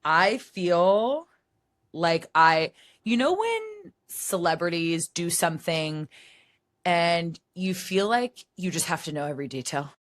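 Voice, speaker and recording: Low-voiced woman podcast co-host. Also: big pitch swings, takes it slowly, dry recording, clean studio sound. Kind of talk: casual chat.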